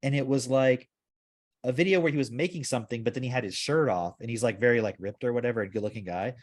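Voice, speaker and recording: A man's voice: medium pitch, fast talker. Rambling man in casual podcast chat. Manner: rambling, heavy use of "like". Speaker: podcast host.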